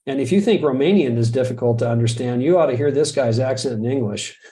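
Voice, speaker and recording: A mid-range, mellow voice moves at a quick pace as this middle-aged American hosts a webinar live. He chats casually, jokes at his own expense, and chuckles a lot.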